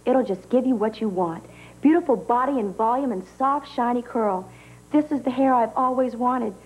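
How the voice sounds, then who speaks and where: A self-deprecating woman in a hair commercial, with a highish, husky voice. She confides in short, measured phrases. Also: darkish tone, poor audio. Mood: satisfied. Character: self-deprecating woman finally pleased with her perm. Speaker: commercial actor. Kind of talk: scripted TV advertisement testimonial.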